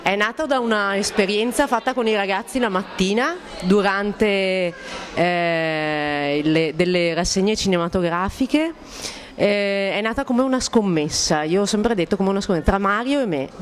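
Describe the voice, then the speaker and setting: A woman with a medium-pitched voice speaks as an organiser being interviewed. Her answers are spontaneous and conversational. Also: normal speed, slight background noise.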